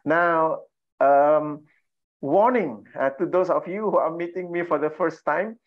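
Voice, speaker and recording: A man's voice on the high side, measured in pace, welcomes people to an online session. He is a middle-aged Malaysian trainer and coach, warm, laughing and full of "uh" fillers, sitting in a home room with bookshelves. The video call sound is slightly dull.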